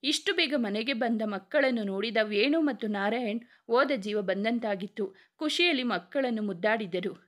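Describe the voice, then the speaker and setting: A woman tells a dramatic story in a fairly high voice. She reads it as a steady, scripted narration. She gives the characters' lines only small changes in her own voice. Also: moderate pace.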